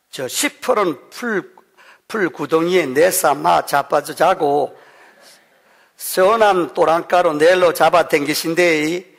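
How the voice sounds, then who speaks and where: A man voicing a blunt, rough-spoken countryman with a Gyeongsang accent, reciting a psalm in a sermon. He speaks in a long church hall reverb. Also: on the high side.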